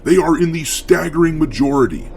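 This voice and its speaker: A man's voice: fairly high pitch, expressive, fairly quick, creaky, darkish tone, slight background noise. A man hosting a commentary channel, delivering scripted, mocking remarks and greeting viewers in a pirate theme. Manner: mocking, sarcastic.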